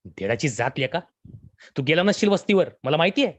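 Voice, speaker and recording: A man's voice: sits high, very animated, fast, breathy edge, voice pushed up, exaggerated voice. Man doing a furious, contemptuous village official. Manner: shouting insults, contemptuous. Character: arrogant angry male village official, abusive.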